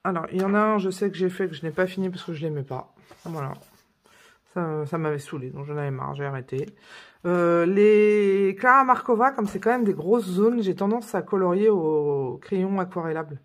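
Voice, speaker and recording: A woman's voice: fairly low pitch, moderate pace. Chatty woman rambling over her books. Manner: chatty, rambling, full of fillers and self-corrections. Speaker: coloring book vlogger. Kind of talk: casual show-and-tell chat.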